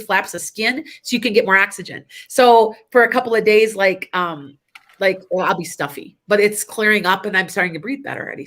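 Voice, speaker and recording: With a stuffy nose, the host of a psychic radio show, a woman aged fifty or more, rambles chattily through casual spiritual talk and laughs a lot. Her voice is mid-range and a bit bright.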